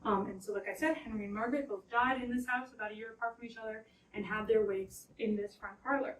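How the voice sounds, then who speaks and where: A woman working as a tour guide, talking informally and a little haltingly to a small group as she explains things inside a house. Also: fairly high pitch, fairly even intonation. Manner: conversational, halting, loosely explanatory. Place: indoors in a house parlor. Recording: roomy echo, distant mic, background noise.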